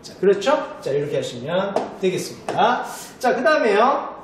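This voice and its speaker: A man teaching English vocabulary to students in a chatty way, often checking in with a quick "right?". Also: sits high, very animated. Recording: very echoey room with faint noise.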